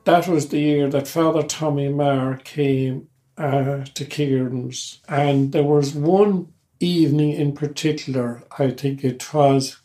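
An older man with a Kilkenny accent slowly and hesitantly recalling his school years. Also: a little high, fairly even intonation, mellow, soft background music. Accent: Irish, Kilkenny. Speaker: interviewee.

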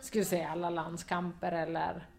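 Young woman, broad Västerbotten Swedish dialect, interview guest; halting, filler-heavy, quick to laugh. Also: on the low side, level tone, gravelly, darkish tone. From Skellefteå area, northern Sweden. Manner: hesitant, many fillers, laughs often. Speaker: football pundit, former player. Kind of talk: casual interview answers.

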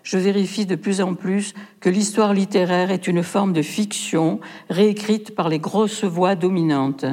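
A woman's voice: lowish voice, fairly even intonation, a little slow, hardly any pauses, darkish tone. A woman reading personal letters aloud with a frank, impassioned delivery at a poetry performance. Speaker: reader in a literary performance. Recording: long hall reverb.

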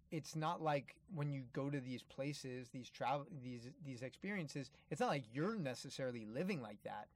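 In a mid-range voice with no echo, a man gives an informal, earnest motivational talk about travel. He speaks straight to his listeners and repeats key phrases to drive them home.

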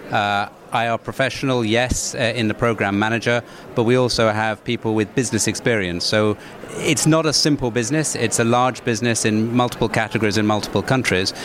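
A man giving measured, businesslike interview answers as a corporate executive. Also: lowish voice, a bit bright. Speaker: investor relations executive, interviewee. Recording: busy crowded event, background chatter. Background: crowd noise.

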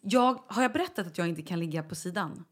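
Pregnant woman, podcast co-host, animated storyteller, casual chat. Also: lowish voice. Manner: animated storytelling, acts out quotes.

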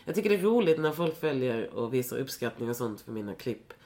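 A woman's voice: rumbling low, very animated, a little mellow. A young woman in casual chat as a podcast guest, rambling with many fillers and swearing freely.

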